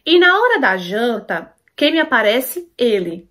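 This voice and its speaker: A woman's voice: fairly high pitch, very animated, a little slow, a bit bright. A woman tells a personal story to her viewers, emphatic and repeating herself, often checking that they follow. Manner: emphatic, repeats herself, asks listeners for agreement.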